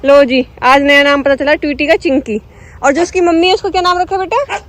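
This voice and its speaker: High-voiced chatty young woman vlogging. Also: a little fast, fairly bright tone. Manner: chatty, cooing to street dogs. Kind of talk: casual vlog chat. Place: outdoors on a city street.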